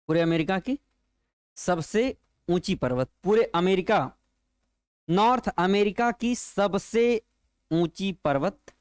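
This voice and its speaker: Man, male teacher, exam-prep geography lesson, slow unhurried delivery, repeats points back as questions, dry close sound. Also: high-pitched, darkish tone, smooth, dry recording. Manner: drills points by repeating them as questions to students; slow, repetitive explaining.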